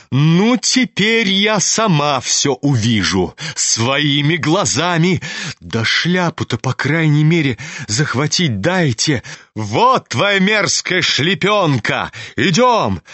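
A man reading an audiobook, voicing an imperious, quick-tempered older noblewoman with shrill, scolding outbursts. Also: fairly bright tone, no room sound, heavily acted. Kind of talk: audiobook character voice.

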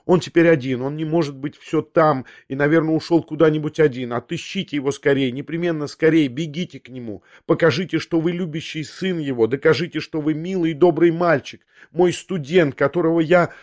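A man's voice: fairly high pitch, fairly quick, few pauses, darkish tone, voice pushed up, close to an everyday voice. A man reading an audiobook, voicing a young noblewoman who confesses in a breathless, restless way, half talking to herself, in a slightly raised voice. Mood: imploring. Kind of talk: audiobook character voice.

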